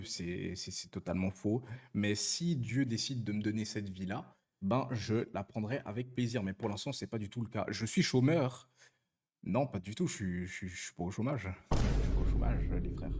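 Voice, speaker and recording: A young man streaming on Twitch chats casually with viewers, joking and answering chat with lots of fillers and restarts. His voice is on the low side and a little mellow.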